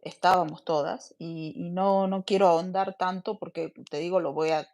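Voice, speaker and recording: A woman's voice: lowish voice, steady tone, moderate pace, mellow. A woman answering an interview question, insistent and repeating her point.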